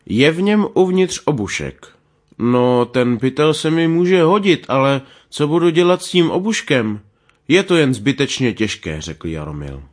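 Lively male fairy tale reader. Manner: lively, voices characters with small pitch shifts. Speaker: storyteller.

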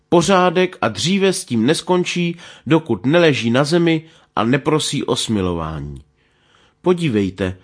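A man reading a fairy tale aloud, giving the characters small changes of voice. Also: husky. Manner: lively, voices characters with small pitch shifts. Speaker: storyteller.

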